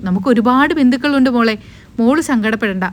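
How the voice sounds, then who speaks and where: A woman voicing a kindly older grandfather who speaks gently and soothingly to comfort his granddaughter. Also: fairly high pitch, quick pace, lightly acted.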